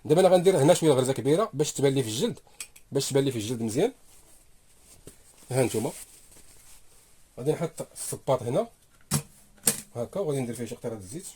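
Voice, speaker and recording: Sewing as he speaks, a Moroccan Arabic-accented man demonstrates a machine in his workshop and tells viewers "here you go brothers" again and again. His mid-range voice is warm, expressive and rapid-fire, broken by frequent pauses. Slight background noise surrounds this casual demo, recorded on a phone camera held close as he works.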